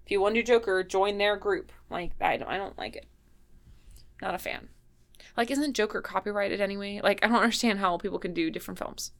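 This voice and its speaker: A young woman from Ohio with a Midwestern American accent co-hosts a podcast, her medium-pitched voice brisk. She chats casually and animatedly, rambling and leaning heavily on "like."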